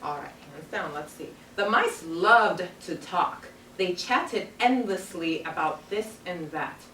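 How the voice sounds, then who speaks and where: A woman teacher reads aloud to a carpeted classroom of young children, offering simple instructions in a lowish, expressive voice that is slow and a bit bright. She is recorded by a camera far across the room, and the sound is roomy and distant, with background noise.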